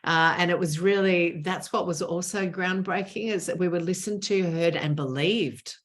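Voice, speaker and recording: A woman with a lowish voice answers as an interview guest, speaking conversationally at a moderate pace. She's earnest and emphatic, frequently repeating words to hammer home her point.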